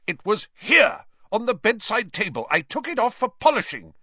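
A man's voice: fairly high pitch, sing-song, moderate pace, bright, forceful tone, no room sound, muffled recording, pitched above the performer's own voice. A man doing a lofty, pompous teenage boy. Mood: shouting. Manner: lofty, dignified.

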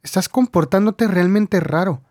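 A man's voice: moderate pace, darkish tone, no room sound, lightly acted. A frightened young woman, put on by a male narrator, begs in a raised, strained voice. The audiobook reading sounds dry and close. The voice sits well above his own. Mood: shocked angry. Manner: high, strained and pleading. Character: terrified young woman, pleading.

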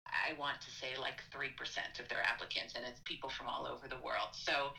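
A middle-aged woman, an admissions counselor, telling a story in a casual interview, animated and laughing often. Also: fairly quick, creaky, low-quality recording. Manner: animated, laughs often, acts out quotes in a high voice.

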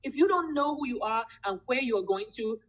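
A woman's voice: expressive, fairly quick. Woman, 50s, interview guest. Emphatic, laughing delivery; slightly dull recording. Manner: emphatic and laughing, swoops up in pitch. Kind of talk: casual interview chat.

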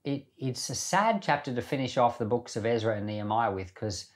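This Bible podcast host has a medium-pitched voice with lively intonation and talks a little fast. He gives scripture an expressive, emphatic reading before discussing it in an informal way.

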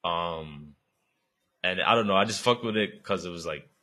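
A man's voice: deep voice, moderate pace, pushed and bright. A young man co-hosting a podcast, chatting casually in a slangy, laid-back way with frequent swearing. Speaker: podcast co-host. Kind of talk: casual chat.

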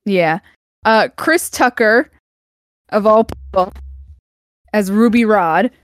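A woman's voice: mid-range voice, slow, dry recording, clean studio sound. A young woman co-hosting a podcast in casual chat, laughing easily and hesitating with fillers. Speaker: podcast co-host.

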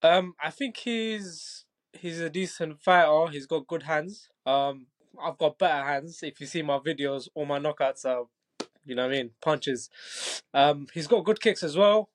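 A Muay Thai fighter from Bangladesh, a man in his twenties, chats casually as an interview guest in a slightly high, unhurried voice. Laid-back and quick to laugh, he keeps asking "you know what I mean" and "do you know what I mean."

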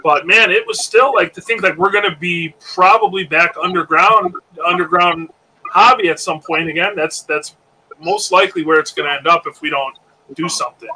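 A man's voice: sits high, moderate pace, pushed and bright, a little hiss or hum, poor audio. A man in his late thirties hosting a podcast live stream, chatting casually in a laid-back, rambling way with plenty of fillers. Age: 30s. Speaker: podcast host.

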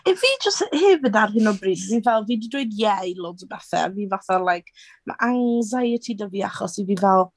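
A woman's voice: medium pitch, animated, a little fast, no room sound. A woman with a Welsh accent chatting casually as a podcast co-host. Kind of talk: casual chat.

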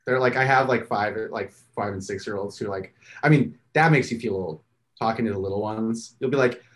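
A man's voice: on the low side, a little fast. A man, a podcast co-host, chatting casually and telling stories animatedly, laughing often. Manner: animated storyteller, laughs often, acts out his kids' voices. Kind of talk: casual chat.

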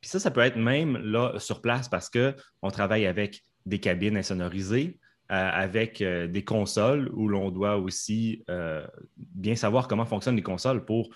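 Man, low voice, hesitant, casual explanation, frequent fillers. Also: normal speed. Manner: hesitant, many fillers and restarts. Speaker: conference interpreter.

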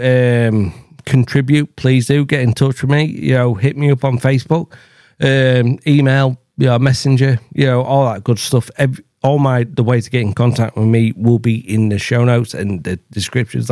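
A man's voice: mid-range voice, steady tone, moderate pace, darkish tone, dry recording, studio quality. Profane man ranting on a podcast. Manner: profane, exclaiming, mock-horrified commentary. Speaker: podcast host. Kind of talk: improvised satirical rant.

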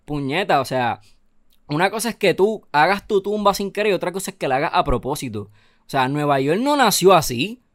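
A man's voice: fairly high pitch, expressive, fairly quick, no room sound, studio quality. A man hosting a casual podcast, rambling and opinionated, with frequent repetition. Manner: rambling, opinionated, repeating himself. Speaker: podcast host.

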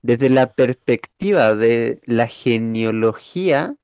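A man's voice: mid-range voice, expressive, slow, a little mellow, smooth, no echo. A man with a Chilean accent co-hosting a casual chat, rambling and tripping over words as he reads aloud. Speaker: podcast co-host.

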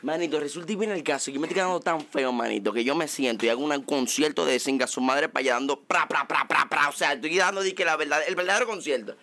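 Dominican man, young, animated storyteller, high bright voice, quick delivery. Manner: animated storyteller, laughs often. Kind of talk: casual chat.

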